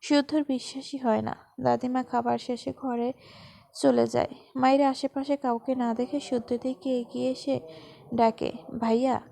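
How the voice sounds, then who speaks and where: A woman narrating a romantic family story as a storybook reading in a steady, even manner. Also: high voice, moderate pace, vocal fry.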